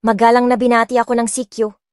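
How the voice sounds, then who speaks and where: A Filipino-accented woman narrates a dramatic first-person audiobook script quickly and flatly in a slightly high voice. Soft music plays behind her in a clean studio recording with no room sound.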